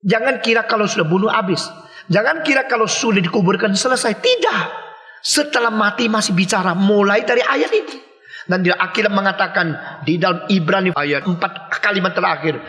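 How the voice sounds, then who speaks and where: High, bright-voiced preacher in an echoey hall. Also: male voice, brisk. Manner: dramatic, acts out voices in the story, mixes English phrases; sudden loud emphatic bursts. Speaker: pastor. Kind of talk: sermon. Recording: echoey hall with long reverb.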